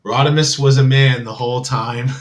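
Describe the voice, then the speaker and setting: Here a male livestream host talks casually with his audience through a computer mic, rambling and relying heavily on fillers. The voice is medium in pitch and steady, a little slow, with slight background noise.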